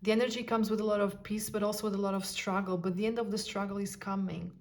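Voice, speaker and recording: A woman giving an intuitive tarot reading, talking softly and musing aloud with sighs and pauses. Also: mid-range voice, steady tone. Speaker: tarot card reader.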